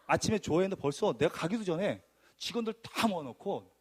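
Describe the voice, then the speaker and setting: A man preaching a sermon testimony, telling his story in an animated, emphatic way and acting out arguments. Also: high-pitched, quick pace, breathy edge.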